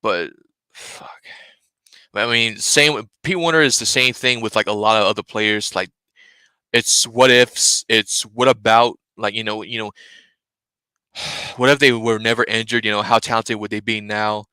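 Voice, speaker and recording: A man's voice: on the low side, fairly even intonation, a little fast, sharp tone, smooth, dry recording. A young man hosting a casual live stream, talking bluntly and rambling, swearing freely and sniffling between sneezes. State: sneezing, stuffy. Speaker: fan channel host.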